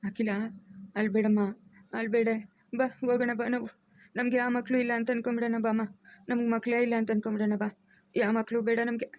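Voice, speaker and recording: A woman's voice: a little high, steady tone, fairly quick, pauses often, a little mellow, close to an everyday voice. A middle-aged woman playing a stern, wounded mother who scolds her family firmly in a home drama. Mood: hurt, resigned. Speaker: mother-in-law. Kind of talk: amateur family drama acting.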